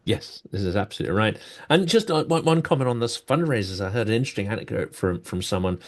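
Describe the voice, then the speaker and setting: Guest commentator, male, low voice, measured and thoughtful, hesitant in places. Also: animated. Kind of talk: political talk show conversation.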